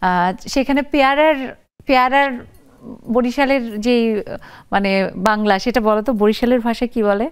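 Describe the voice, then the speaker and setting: Woman TV talk host, fairly high voice, welcoming tone toward callers and viewers. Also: normal speed, long pauses, clear, resonant tone. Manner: warm, inviting, addresses viewers and callers. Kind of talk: live TV talk show hosting. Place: TV studio.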